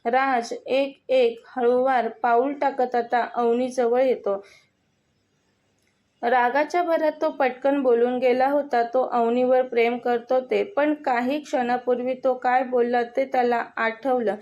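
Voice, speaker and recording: A woman's voice: high-pitched, fairly even intonation, slow pace, a little mellow, lo-fi sound. A woman with a Marathi accent reading a romantic story aloud, voicing all the characters' lines in her own voice. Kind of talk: scripted story narration.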